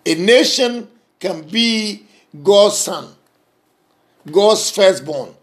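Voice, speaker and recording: A man preaching a sermon, emphatic and repetitive, swinging between raised passages and soft, intimate ones. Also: high voice, animated, drawn-out words.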